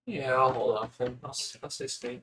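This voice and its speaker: A man's voice: medium pitch, fairly even intonation, normal speed, fairly bright tone. Man asking rule questions at the table. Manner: asks rule questions, unsure. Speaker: player. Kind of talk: casual tabletop game chat.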